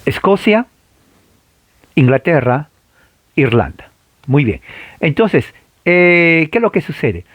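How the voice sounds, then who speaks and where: A man's voice: on the high side, big pitch swings, slow pace, pauses often, no room sound. Emphatic man teaching church history. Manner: emphatic, repeats key points and asks listeners to repeat; frequent filler "eh" and tag questions.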